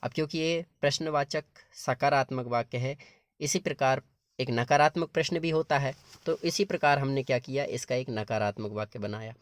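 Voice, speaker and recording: A man's voice: mid-range voice, moderate pace, dry recording. A male teacher explaining grammar patiently, step by step, in a classroom-lesson style. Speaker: English teacher.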